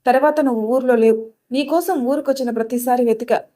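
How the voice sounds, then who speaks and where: A woman's voice: sits high, fairly quick, dark tone, lightly acted. A woman voicing a young woman in love who pleads emotionally with the man she wants to marry. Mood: pleading.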